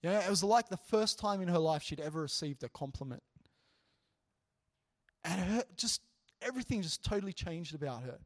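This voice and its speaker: A man preaching in a relaxed, conversational way, telling stories earnestly and animatedly, with frequent "you know" asides. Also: sits high, normal speed, long pauses. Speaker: preacher sharing a testimony. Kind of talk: conversational sermon storytelling.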